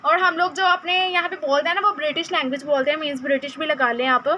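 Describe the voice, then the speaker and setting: A woman with a Pakistani Urdu accent teaching English in a casual online lesson, talking conversationally and slowly drilling sounds again and again. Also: high-pitched, fairly even intonation, pushed and bright, rough recording. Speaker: English tutor. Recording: faint background noise.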